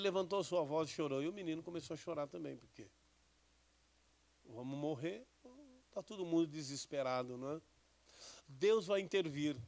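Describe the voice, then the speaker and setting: Bishop preaching, lively. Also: male voice, a little high. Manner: conversational preaching, asks the congregation questions. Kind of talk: sermon with Bible reading.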